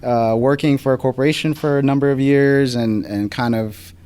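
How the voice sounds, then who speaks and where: A photographer from the Philippines, raised in Los Angeles, chats as a guest during a live podcast taping for a small audience. His mid-range voice is clear, resonant and a bit mellow, steady in tone and moderate in pace, though he restarts often and fills gaps with um.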